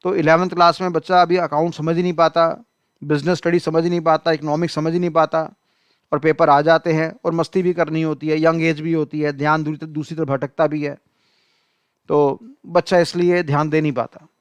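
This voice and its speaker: Smooth-voiced male economics teacher. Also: fairly high pitch, level tone, fairly quick, dry recording. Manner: addresses students as beta, acts out their excuses. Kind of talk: classroom lecture.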